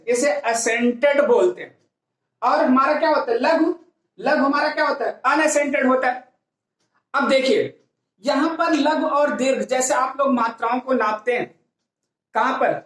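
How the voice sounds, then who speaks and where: A woman teaching English grammar in a classroom lecture, explaining step by step and asking herself rhetorical questions. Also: sits high. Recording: very echoey classroom.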